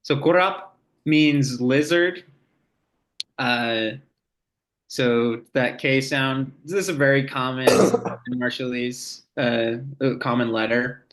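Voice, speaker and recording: Slow-talking man explaining casually. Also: medium pitch, fairly bright tone. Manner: unhurried, hesitant, many fillers. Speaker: language teacher. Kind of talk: casual lesson.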